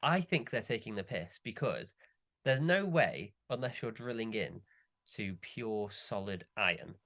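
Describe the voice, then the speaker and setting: Lower-voiced young man ranting. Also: lively intonation, unhurried, a bit bright. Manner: ranting, exasperated complaining. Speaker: podcast co-host. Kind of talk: casual chat.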